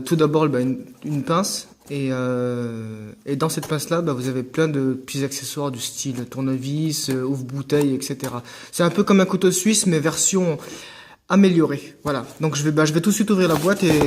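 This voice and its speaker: A man casually hosting an unboxing video, hesitant with many fillers and restarts, joking asides to viewers. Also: a little high.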